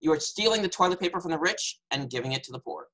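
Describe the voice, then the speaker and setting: A man's voice: fairly high pitch, lively intonation, quick pace, fairly bright tone, rough recording. A man telling a playful tall tale and hosting turns in an improvised storytelling game over a video call. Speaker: game host and player.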